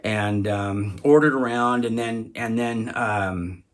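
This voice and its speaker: A man telling a personal story, halting often to repeat and restart his words. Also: on the low side.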